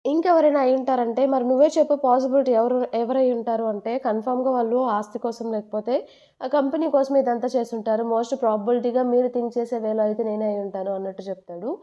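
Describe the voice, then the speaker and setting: Fast-talking woman retelling a drama. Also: a little high, fairly even intonation, warm tone, dull audio. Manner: chatty retelling, paraphrases dialogue in her own voice. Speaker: drama recap narrator. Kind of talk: casual storytelling recap.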